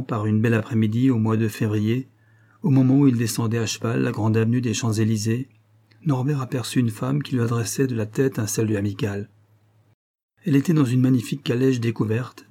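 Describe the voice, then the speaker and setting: Man, audiobook narrator, measured storytelling, mellow dark tone, husky. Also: mid-range voice, fairly even intonation. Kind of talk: scripted narration.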